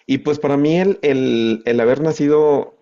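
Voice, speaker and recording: A man with a Mexican accent, speaking at a medium pitch as a guest in a relaxed interview. He talks haltingly, stopping and restarting often. The audio is a little dull and lo-fi. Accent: Mexican, non-central. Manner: halting, many pauses and restarts. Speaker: podcast guest. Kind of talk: casual conversational interview.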